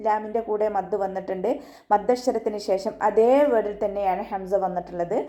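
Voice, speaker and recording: A woman teaching Quran recitation online, explaining each rule patiently step by step and then chanting the verse words slowly. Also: medium pitch, fairly even intonation. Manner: patient step-by-step explanation, often ending with a soft "tto". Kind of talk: online tajweed lesson.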